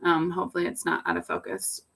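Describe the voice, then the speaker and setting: A woman yoga instructor guiding a home yoga class in a relaxed way, with a raspy voice and pollen congestion. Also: deep voice, fast. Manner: relaxed, cueing poses with fillers. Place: home under construction. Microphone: laptop camera.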